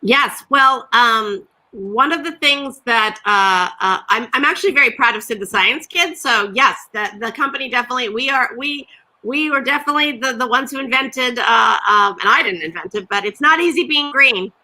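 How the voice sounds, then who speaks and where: Guest panelist, woman, very bright voice, fairly high, lively, on a video call. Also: moderate pace. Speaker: television executive guest.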